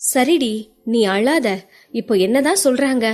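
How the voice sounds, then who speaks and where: A woman voicing a quick, firm young woman who scolds and coaxes a friend, in an audio story. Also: high-pitched, darkish tone. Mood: worried. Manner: brisk, scolding, then coaxing.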